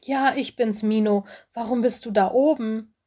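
A woman's voice: a little high, fairly even intonation, unhurried, dark tone. An earnest young male forest animal who sticks to his promises despite his fear, as a woman reading a storybook puts him on. Her own voice, only lightly coloured. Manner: earnest, determined. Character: young forest-school animal, male, brave but anxious.

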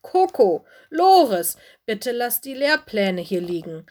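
A woman's voice: medium pitch, measured pace, lightly acted. Woman reading a kind fox headmistress. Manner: gentle, softly stern. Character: motherly fox headmistress, busy but kind.

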